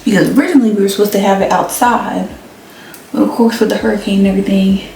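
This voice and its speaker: A woman's voice: medium pitch, fairly even intonation, quick pace, gravelly, mellow, slight background noise. A young woman chatting casually to her viewers, full of slang, talking straight to the camera. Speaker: vlogger. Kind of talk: casual chat. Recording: echoey room, mic at a distance.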